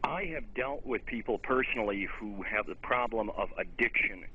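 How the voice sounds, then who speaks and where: Male caller on a clipped phone line, low, bright and forceful, earnest and emphatic. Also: normal speed, slightly rough. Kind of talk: call-in comment on a talk show. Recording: muffled phone-line audio.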